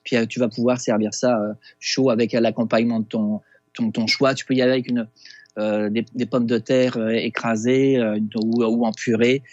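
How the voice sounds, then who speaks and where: A man with a Québécois accent, a chef talking through a recipe on a casual radio segment, halting with many fillers and restarts over a phone line. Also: mid-range voice, little pitch movement, a little mellow, dry recording, soft background music. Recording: dull lo-fi phone sound.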